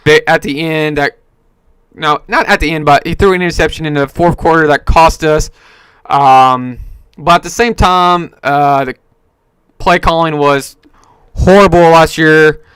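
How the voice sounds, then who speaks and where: A man's voice: on the high side, fairly even intonation, unhurried, fairly bright tone, clear, resonant tone, dry recording. A man hosting a casual solo podcast, rambling with many fillers and self-corrections. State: hiccups. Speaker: podcast host. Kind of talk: casual solo sports talk.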